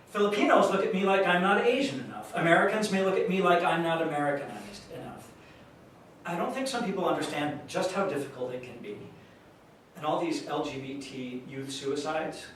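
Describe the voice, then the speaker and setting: Lightly acted, a man plays an earnest, troubled youth worker laying himself bare in an emphatic, confessional stage monologue, moving from anguished and emphatic to troubled and reflective. His voice is a little high. It's a live staged reading in a large, very echoey room, with the mic far off and faint noise.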